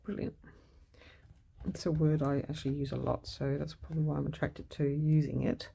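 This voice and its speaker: A woman's voice: low voice, little pitch movement, fast talker, creaky, dark tone, breathy edge. A woman talking casually as she works on a collage for her craft video, thinking aloud and changing her mind. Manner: muses aloud while working, self-correcting.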